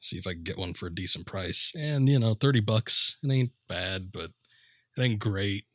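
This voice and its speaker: Casting: male game streamer, lowish voice, offhand and rambling, recorded close and dry. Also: normal speed, a bit bright, no echo. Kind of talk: casual, rambling livestream chat.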